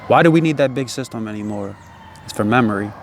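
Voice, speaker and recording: A mid-range male voice talks fast over slight background noise. He's an independent music artist chatting in a laid-back stoner drawl, rambling with slang, curses, and repeated tag phrases.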